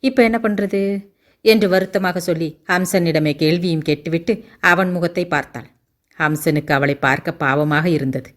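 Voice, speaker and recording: A woman narrating a novel in a steady storytelling manner as an audiobook narrator. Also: sits low, moderate pace.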